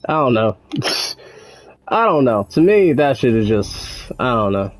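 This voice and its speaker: A man's voice: medium pitch, sing-song, slow, dry recording. A man giving casual, rambling commentary while gaming, sardonic and full of swearing. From United States. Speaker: gaming channel host.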